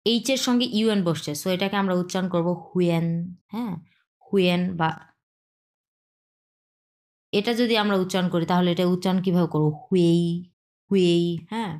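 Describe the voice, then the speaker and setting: Woman teacher, lowish voice, patient lesson delivery, repeats each sound to model it. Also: brisk, pauses often, a little mellow. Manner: mixes English words into Bengali. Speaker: language teacher. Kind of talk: explanatory language lesson.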